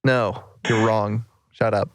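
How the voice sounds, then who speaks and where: A man co-hosting a casual gaming podcast, excitable and laughing often, now and then jumping up to loud high squeals. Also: slow, background noise. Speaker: podcast co-host.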